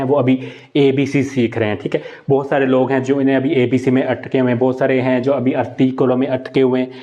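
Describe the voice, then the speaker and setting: A man's voice: mid-range voice, mellow, lo-fi sound. Man teaching Italian in a live class. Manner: explains step by step, asks and answers his own questions; mixes Hindi-Urdu with English and Italian words. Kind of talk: live online language class.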